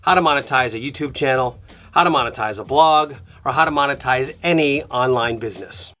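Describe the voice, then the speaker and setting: A man's voice: mid-range voice, a little fast, sharp tone. A male podcast host explaining business tips to camera, his voice nasal and stuffed up from a cold, talking in a conversational way that checks in with the listener.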